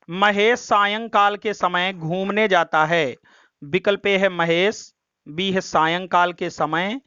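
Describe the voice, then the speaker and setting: A man's voice: high-pitched, fairly bright tone, clean tone, no echo. A man teaching Hindi grammar in an exam practice lesson, going through each option step by step and repeating the corrections. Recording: dry, dull lo-fi sound.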